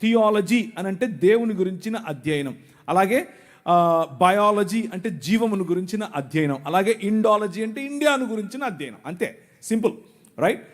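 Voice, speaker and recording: A man's voice: sits high, lively intonation, normal speed. A man from Andhra Pradesh preaching a sermon before a large live crowd, mixing joking asides with patient explanations. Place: large venue before thousands.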